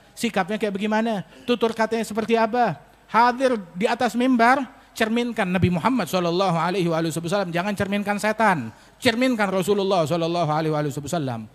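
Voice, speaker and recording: High-voiced preacher in a hall. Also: male voice, a little fast. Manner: animated, rhetorical questions, colloquial. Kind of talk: sermon at a religious gathering. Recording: echoey hall reverb.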